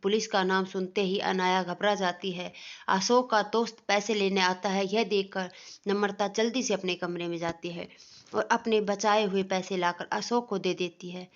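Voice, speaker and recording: A woman narrating a family moral story in a steady, plain storytelling voice. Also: medium pitch, normal speed. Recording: dull lo-fi recording.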